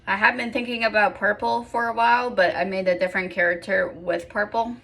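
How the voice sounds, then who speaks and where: A woman's voice: medium pitch, steady tone, a little fast, creaky, a bit bright. A young woman in casual vlog chat at home, rambling and correcting herself with apologetic asides. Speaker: vlogger.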